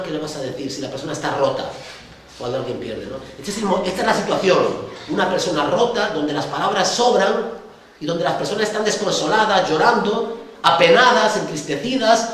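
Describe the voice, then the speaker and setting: A man's voice: a little high, a bit bright. A male pastor with a Spain Spanish accent giving a sermon in a conversational way, often ending phrases with tag questions. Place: church hall. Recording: echoey church hall, distant mic, faint noise.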